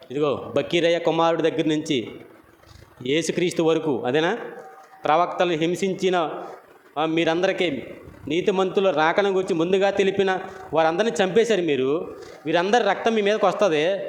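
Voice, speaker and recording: High-voiced preacher in echoey hall. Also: male voice. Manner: questions the audience, repeats phrases, swings loud and soft. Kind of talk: sermon. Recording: echoey hall, faint room noise.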